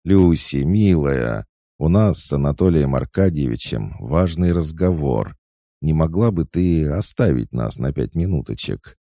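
A man's voice: rumbling low, expressive, unhurried, dark tone, dry recording, studio quality, voice pushed up, exaggerated voice. A man voicing a haughty, jealous young woman who speaks in a cold, threatening way. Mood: menacing.

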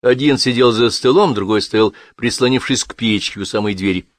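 A man reading a story aloud in a measured, steady storytelling manner. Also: medium pitch, no room sound, clean studio sound. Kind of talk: scripted narration.

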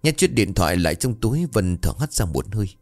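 A man telling a ghost story in steady, measured scripted narration. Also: lowish voice, no echo.

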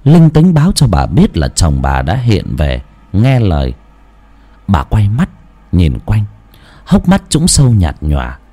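A man narrating a ghost story in a slow, ominous, dramatic style. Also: sits low, wildly swooping pitch, mellow. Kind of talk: scripted horror narration.

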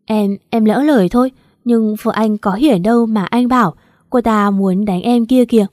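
A woman's voice: a little high, fairly even intonation, moderate pace, darkish tone, no echo, studio quality, natural voice. Female reader as a vulgar, insolent young woman; taunting, crude. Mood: whining. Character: rude brash young woman, mistress type.

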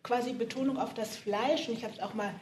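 A woman's voice: fairly high pitch, fairly even intonation, a little fast, darkish tone. A woman describing a vision hesitantly, then praying aloud. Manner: hesitant, searching for words, many fillers. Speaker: prayer team member sharing a vision. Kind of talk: prayer and testimony. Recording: echoey hall with faint background noise.

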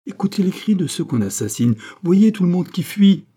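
A man's voice: mid-range voice, expressive, moderate pace, dark tone, close to an everyday voice. A man voicing a pale, alarmed doctor. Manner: urgent, alarmed.

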